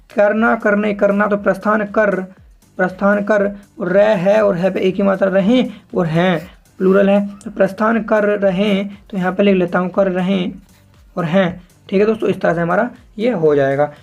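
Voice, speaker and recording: Gravelly-voiced man teaching shorthand. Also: high voice. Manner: slow and repetitive, spelling out sounds piece by piece and calling viewers "friends". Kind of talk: step-by-step tutorial explanation.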